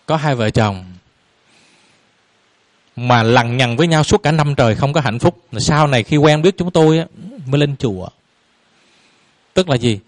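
Chuckling monk asking the crowd questions. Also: male voice, on the high side. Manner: rhetorical questions, chuckling, playful. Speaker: Buddhist monk teacher. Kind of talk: dharma talk to lay audience.

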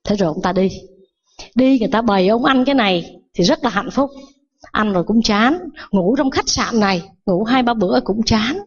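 A woman's voice: fairly high pitch, lively intonation, moderate pace, dull audio, slight background noise. A Buddhist nun giving a sermon, telling a parable and asking her listeners rhetorical questions.

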